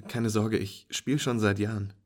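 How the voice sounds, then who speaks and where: A man's voice: fairly low pitch, fairly even intonation, moderate pace, lightly acted. A man voicing a friendly young woman who patiently teaches pool, playful and encouraging as she speaks. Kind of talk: storytelling with acted dialogue.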